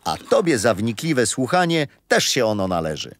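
Very animated and speaking at a normal speed, a man with a mid-range voice plays a kindly grandfather narrating stories and history in a radio play for children. He explains with patience and a teasing, playful touch, and a little background noise can be heard.

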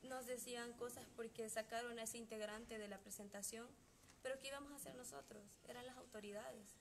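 Young Salvadoran woman, band member; earnest, indignant statement, slightly high voice, faint noise behind. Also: steady tone, vocal fry. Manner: indignant and heartfelt, with pauses and fillers.

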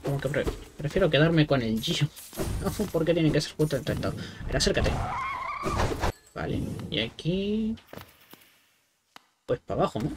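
A man's voice: fairly high pitch, expressive, moderate pace, long pauses, background noise. A man doing casual let's-play commentary like a scared horror game streamer, jumpy and swearing freely. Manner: foul-mouthed. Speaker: gaming streamer.

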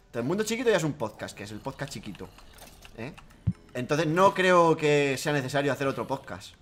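A man's voice: on the high side, big pitch swings, fairly quick, fairly bright tone, faint music behind. A man from Spain hosting a casual comedic chat, rambling and joking with bursts of laughter. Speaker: podcast host.

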